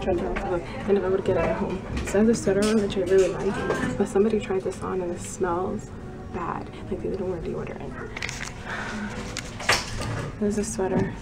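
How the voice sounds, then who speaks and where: This young travel vlogger has a medium-pitched voice with a steady tone and speaks at a normal pace. Shopping her way through indoor shops and a mall, she gives casual vlog narration, chatting, thinking out loud and hedging with "I don't know." The handheld camera she films on is held at arm's length.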